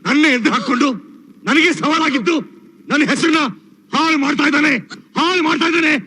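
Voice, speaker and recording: Bright, high-pitched, menacing power-mad father, barking threats. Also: brisk. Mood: defiant. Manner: blustering, threatening, barking short retorts. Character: arrogant power-hungry middle-aged father, menacing. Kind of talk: film drama acting.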